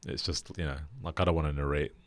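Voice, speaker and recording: A young British man hosting a casual podcast chat, relaxed and flat in delivery with lots of fillers. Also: rumbling low, fast talker, dry recording, studio quality. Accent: British English. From Britain. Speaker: podcast host.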